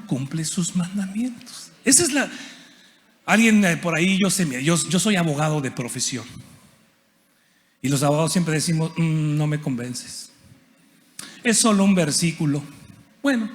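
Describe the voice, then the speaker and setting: A man preaching a lively conference sermon as a Bible teacher, often asking the audience questions and acting out quotes. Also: high voice. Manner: animated, asks the audience questions and acts out quotes. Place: large church auditorium. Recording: long hall reverb.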